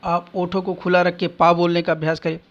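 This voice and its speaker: A man's voice: sits high, flat delivery, brisk, dull audio. A man teaching a Sanskrit phonetics lesson, drawing out each sound as he demonstrates it and reciting grammar rules.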